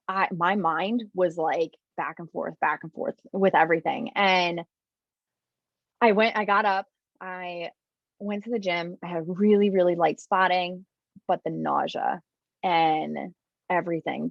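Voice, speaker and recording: A woman's voice: fairly low pitch, gravelly, no room sound. A woman on a podcast telling her own story in casual chat, full of "like" and acting out her past thoughts. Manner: chatty, heavy use of "like", acts out her own past thoughts. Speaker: podcast guest. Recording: dry, slightly muffled audio.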